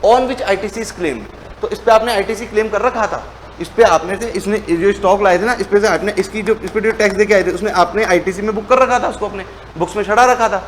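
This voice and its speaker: Here a young man's high voice moves fairly quickly through an online tax revision session, captured in a rough recording with slight background noise. He plays both himself and his questioning students, explaining casually and teasing them in good fun.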